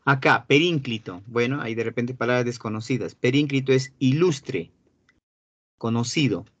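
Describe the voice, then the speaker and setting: A man's voice: mid-range voice, dry recording. Peruvian man teaching a class. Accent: Peruvian Spanish. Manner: repeats key words slowly, quizzes the class. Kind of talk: classroom lesson. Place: classroom with students. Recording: dull, dry sound.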